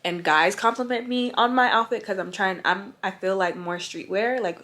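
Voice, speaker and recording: Her voice sits at medium pitch and normal speed as she chats to camera. A young adult fashion influencer, she's relaxed and slangy in her vlog, talking right to the people watching.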